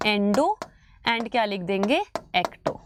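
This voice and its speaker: A woman teaching biology in an online exam-prep lecture, mixing English terms into her talk, calling students "beta" and drilling key words slowly. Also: medium pitch, background noise. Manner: animated, mixes English into Hindi, calls students "beta".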